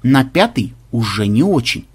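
A man narrating a comic science fiction audiobook in a lively storytelling manner. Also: medium pitch, normal speed, husky. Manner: lively storytelling, acting out every character.

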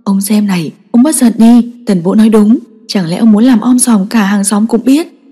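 A woman voicing a middle-aged mother gently calming her angry husband. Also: medium pitch, normal speed, slightly rough, close to an everyday voice. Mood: placating. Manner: pleading, calming. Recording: long echoing reverb.

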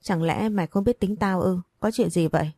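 A woman's voice: on the low side, fairly quick, warm tone, dry recording, clean studio sound. A woman reading a blunt, loyal best friend. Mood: indignant, concerned.

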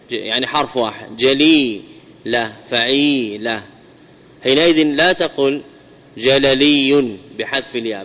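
A man giving a classroom grammar lesson, repeating examples slowly and putting questions to his students. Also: medium pitch, a bit bright. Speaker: teacher explaining grammar. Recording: long reverb hall.

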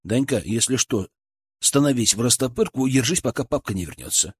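Narrator as a calm decisive young guy, husky, lively tone, dry sound. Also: medium pitch, brisk. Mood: warm. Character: young man, steady and decisive.

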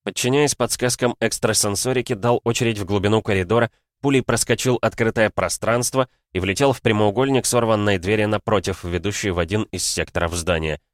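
Low-voiced male narrator, dry sound. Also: fairly quick, few pauses, no room sound. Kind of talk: audiobook narration of science fiction. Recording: dry close studio sound.

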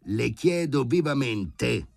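A man's voice: mid-range voice, animated, slow, gravelly, no echo, pitched above the performer's own voice, exaggerated voice. A man voicing an irritable, exasperated older male professor in an audiobook reading. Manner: exasperated, growling and shouting.

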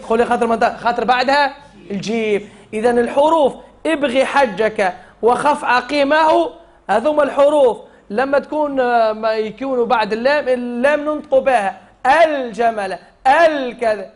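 A man's voice: extremely high pitch, normal speed. A man with a Tunisian Arabic accent teaching a Quran recitation class, drilling the students and chanting the rules in verse.

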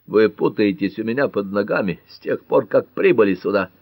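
A jealous, hot-tempered young prosecutor in a detective audiobook, voiced by a male reader. His words come out hoarse and accusing. The voice is fairly low and recorded close and dry. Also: lively intonation, normal speed, darkish tone, dry recording. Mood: fierce.

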